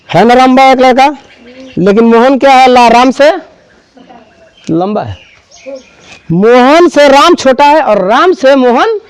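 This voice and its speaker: A man teaching a grammar lesson, explaining step by step and slowly repeating key words for students. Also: very high voice, clear, resonant tone.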